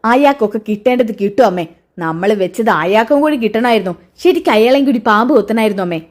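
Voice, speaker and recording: Cocky scheming young guy, woman doing him, highish voice. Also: animated, fast talker, darkish tone, lightly acted. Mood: brash. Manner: brash, dismissive. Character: young man, mother's sly plotting son.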